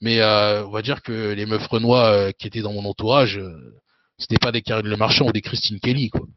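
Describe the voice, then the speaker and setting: A man's voice: on the low side, fairly even intonation, a little fast, dry recording. A man in his thirties, a guest in a casual interview, talking loosely with many hesitations and filler tags. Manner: loose, with frequent hesitations and "you know" tags. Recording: dull, dry lo-fi sound.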